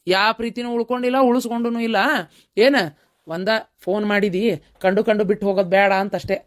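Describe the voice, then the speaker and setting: A woman doing a scornful elder brother, fast-talking. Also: mid-range voice, steady tone, lightly acted. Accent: North Karnataka Kannada. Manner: scornful, lecturing, curt. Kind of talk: cartoon voice acting.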